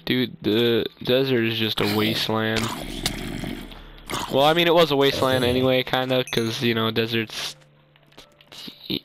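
A man commentating his own gameplay, blurting excitable reactions and jokes at what happens on screen. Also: mid-range voice, measured pace, pauses often, background noise. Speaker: gaming commentator. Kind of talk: let's play commentary.

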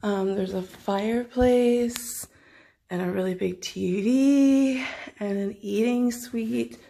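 A woman's voice: fairly high pitch, slow, creaky, dark tone. A woman in her thirties chatting casually into a handheld phone while showing a hotel room. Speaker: vlogger. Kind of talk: casual room-tour vlog chat. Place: hotel suite indoors.

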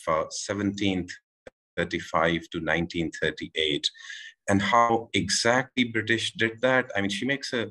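A man in his forties from Pakistan, giving a measured panel talk over a video call, with many pauses and restarts. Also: low voice, pushed and bright, low-quality recording. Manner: measured, with frequent filler "uh" and restarts. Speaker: panel speaker. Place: room at home with window. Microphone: video call, laptop camera.

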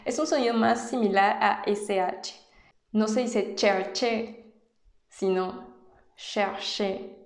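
Mexican woman explaining in a roomy room. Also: mid-range voice. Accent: Mexican Spanish. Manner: patient, demonstrates sounds slowly. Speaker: language vlogger. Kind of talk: casual explanatory vlog. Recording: roomy echo.

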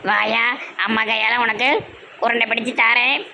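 A woman voicing a scheming older mother who talks in a low, coaxing, sly way, with a Tirunelveli Tamil accent, in a comedy sketch. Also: little pitch movement, normal speed, creaky, bright, forceful tone, a little hiss or hum, exaggerated voice.

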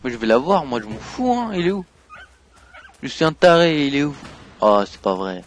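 A man giving let's play commentary while playing a game, excitable, swinging from mumbled asides to loud outbursts. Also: fairly high pitch, normal speed, slight background noise. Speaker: gaming YouTuber.

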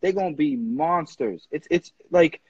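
A man's voice: on the high side, animated, darkish tone, breathy edge, dry recording. A young man who is a barber educator, talking passionately and emphatically on a live stream from a room at home, recorded on a phone camera at arm's length with dull lo-fi audio. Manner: passionate, emphatic, quick restarts. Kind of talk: casual live chat. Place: indoor room with ceiling fan. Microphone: phone front camera at arm's length.

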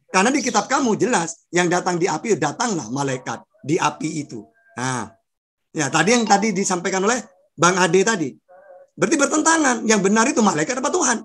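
A man's voice: high-pitched, sing-song, fairly quick, a bit bright, breathy edge. A man arguing his side in an online religious debate, pressing his points with questions, heard through a video call.

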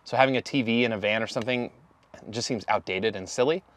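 Talking fast in a fairly low voice, this thirties-aged van company founder chats casually to camera during an interview, dropping in relaxed fillers. He's filmed both inside a camper van and outside next to it.

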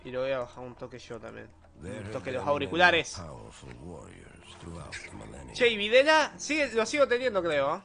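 A young man with an Argentine accent, live streaming a retro game in low spirits, joking in slang and reading chat aloud. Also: lively intonation, normal speed, long pauses, fairly bright tone. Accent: Argentine Spanish. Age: young adult. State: low-energy, subdued. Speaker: gaming streamer. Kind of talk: casual live stream commentary while gaming.

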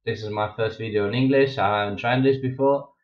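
Streaming casually from his gaming room, a young Russian-born man with a Russian accent rambles along, full of fillers and restarts. His voice sits on the low side with a steady tone and a slightly fast pace. The wireless headset audio is echoey, dull and lo-fi, like a home mic.

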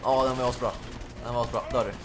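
A young man giving casual, excitable commentary while playing a video game, yelping and shouting during fights. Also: mid-range voice, noisy background. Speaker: gaming YouTuber. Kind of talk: casual Let's Play commentary.

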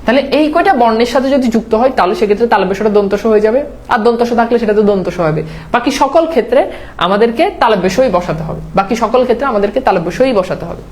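A woman teaching an online admission exam lesson over slides. She explains rules step by step, mixes in English words and keeps checking understanding with quick tag questions. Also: on the high side, a little mellow, slight background noise.

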